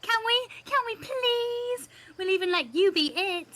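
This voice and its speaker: A woman voicing a playful little alien child who is eager, pleading and excitable as it reads game dialogue. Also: very high voice, a little slow, pitched above the performer's own voice, exaggerated voice, poor audio. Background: game music.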